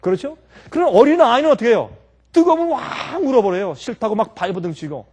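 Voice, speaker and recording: Pastor, male, preaching; quick delivery, lots of rhetorical questions and little acted scenes. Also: very high voice. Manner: lively, acts out everyday scenes and quotes. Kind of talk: sermon.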